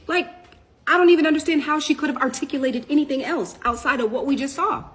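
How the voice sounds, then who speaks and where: A woman's voice: high voice, fast talker, fairly bright tone. A woman, talking urgently to her viewers and firing off question after question while she does her makeup. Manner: urgent, questioning, addresses viewers as "you guys". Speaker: storytime TikTok creator. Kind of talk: direct-to-camera storytime vlog.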